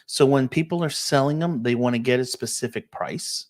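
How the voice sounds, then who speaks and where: This medium-pitched man talks at a moderate pace. He's a real estate agent doing a casual live-stream tour of listings, fielding viewer questions and explaining things with lots of "um" and frequent "okay?" check-ins.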